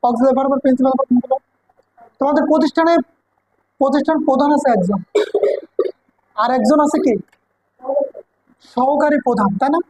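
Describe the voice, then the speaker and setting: A woman's voice: high voice, fast, pauses often, mellow, no room sound, low-quality recording. A woman with a Bengali accent teaching an English grammar class, often checking whether her students understand. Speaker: English teacher at a coaching center.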